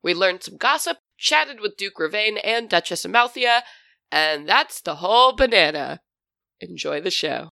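A woman's voice: medium pitch, animated, a little slow, vocal fry, sharp tone, dry recording, studio quality. A woman hosting a tabletop gaming podcast with informal, chatty announcements as game master.

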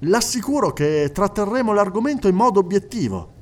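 A man's voice: high-pitched, expressive, a little fast, voice pushed up. A man voicing a courteous male journalist who asks careful questions. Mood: polite. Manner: courteous, inquiring.

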